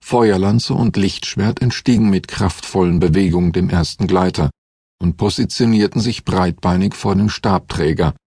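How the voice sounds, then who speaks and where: A man narrating a science-fiction audiobook in a calm, measured reading. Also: low voice, breathy edge, dry recording. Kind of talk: scripted narration.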